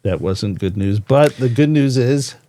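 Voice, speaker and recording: A man hosting a casual chat podcast, playful and teasing, often pausing and restarting as he thinks. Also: mid-range voice, animated, dark tone. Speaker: podcast host.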